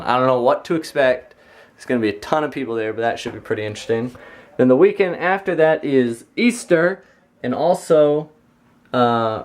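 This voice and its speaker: A vlogger chatting casually to camera, telling stories in an animated way and acting out reactions. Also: mid-range voice. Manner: animated retelling with imitated reactions. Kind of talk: casual storytelling chat to camera.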